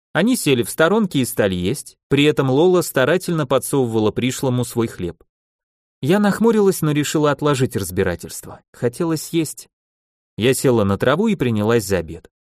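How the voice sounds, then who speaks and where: A man narrating an audiobook in an expressive storytelling manner on a close studio mic. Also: mid-range voice, no echo.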